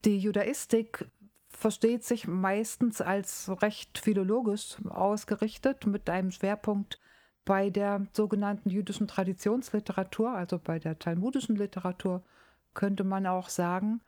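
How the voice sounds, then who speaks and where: A middle-aged woman from Berlin, a professor, explaining her field in a measured academic interview. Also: mid-range voice, steady tone, warm tone, no echo, studio quality. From East Berlin, Germany.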